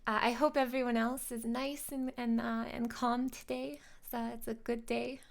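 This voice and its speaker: A young woman chatting casually on a livestream in a cute anime-streamer way, sounding nervous and flustered as she haltingly greets viewers. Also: a little high, little pitch movement, creaky.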